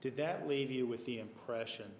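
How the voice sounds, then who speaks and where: Male trial lawyer, mid-pitched, measured questioning, echoey courtroom recording with faint hiss. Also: a little mellow. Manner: measured, deliberate questioning with pauses. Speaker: trial attorney.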